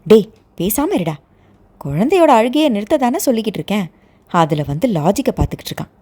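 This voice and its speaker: A woman voicing a quick-tempered young woman who scolds her brother in a storybook. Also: mid-range voice, very animated, dark tone. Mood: scolding.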